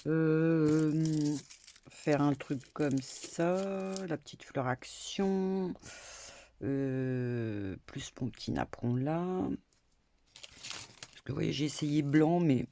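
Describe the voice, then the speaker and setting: Slow, gravelly-voiced grandmother crafting. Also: low voice, warm tone. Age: older. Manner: chatty, rambling, full of hesitations and little asides. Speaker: crafting vlogger. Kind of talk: casual crafting tutorial chat. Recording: faint background noise and clicks.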